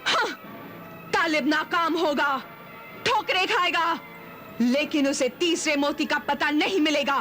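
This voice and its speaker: A vengeful cartoon sorceress queen taunts her rival in a very high, piercing voice. She gloats and mocks with cruel delight, faint music running behind. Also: a little slow, sharp tone. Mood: gloating. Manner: taunting, gloating, mocking laughter. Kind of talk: Hindi cartoon dub acting.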